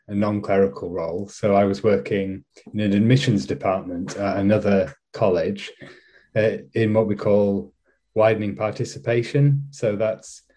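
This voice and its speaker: Yorkshire man, low voice, easygoing chaplain. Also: warm tone. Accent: Yorkshire English. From West Yorkshire, England. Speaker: college chaplain. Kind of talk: casual interview answers.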